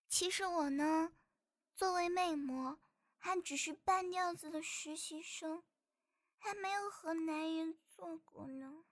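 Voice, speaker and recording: A woman's voice: very high voice, fairly bright tone, dry recording, clean studio sound, full character voice. A woman voicing a clumsy young female succubus trainee who is a little tsundere and giggly, in an audio drama. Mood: shy, chatty. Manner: giggly and teasing. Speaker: voice actress.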